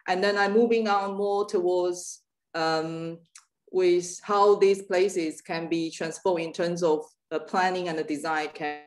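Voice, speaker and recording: Hesitant low-voiced woman lecturing. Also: steady tone, a little slow. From Taiwan. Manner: hesitant, many fillers and restarts. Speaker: guest lecturer in urban planning. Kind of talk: academic lecture over video call. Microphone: video call.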